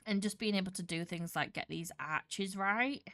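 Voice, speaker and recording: Chatting casually as she builds on a Minecraft live stream, a woman rambles and restarts often, sounding congested with a slight cough. She speaks at a medium pitch and normal speed in a fairly bright tone, with clean studio sound and no room sound.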